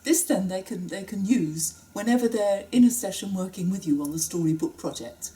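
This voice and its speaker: A woman researcher explaining step by step how to run a classroom project, in a lively, guiding manner. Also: medium pitch, normal speed, poor audio. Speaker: university researcher. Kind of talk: instructional explanation.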